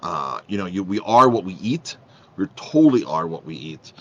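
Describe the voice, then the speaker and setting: A man's voice: sits low, big pitch swings, moderate pace, bright, forceful tone, highs cut off. A man who is a chef and restaurant owner, talking casually and emphatically to the camera, repeating phrases and restarting often. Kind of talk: casual vlog talk.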